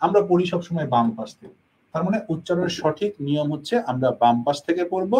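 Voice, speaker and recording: A man's voice: sits high, a little mellow, poor audio. A man teaching a math lesson, explaining step by step and answering his own questions.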